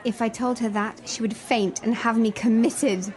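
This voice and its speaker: A woman's voice: fairly high pitch, steady tone, moderate pace, darkish tone, a faint crowd, natural voice. A woman playing a chatty teenage schoolgirl in a scripted practice dialogue.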